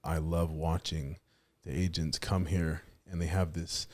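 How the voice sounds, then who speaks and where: A man's voice: deep voice, little pitch movement, a little slow, a little mellow. A man hosting a podcast in a studio, upbeat and loose in casual interview chat, swearing now and then. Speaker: podcast host, real estate team lead.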